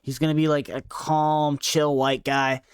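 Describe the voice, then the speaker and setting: A young man giving casual, profane commentary, full of slang and quick laughs. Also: on the high side, flat delivery, clean tone, no echo, studio quality. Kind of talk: casual commentary ranking fighters.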